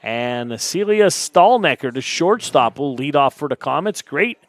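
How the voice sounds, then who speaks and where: A man calls a softball game pitch by pitch in a slightly raised voice. He reels off lineups and counts briskly. His voice is dry and close to the mic. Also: expressive, no echo. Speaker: play-by-play announcer. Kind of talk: live softball play-by-play commentary.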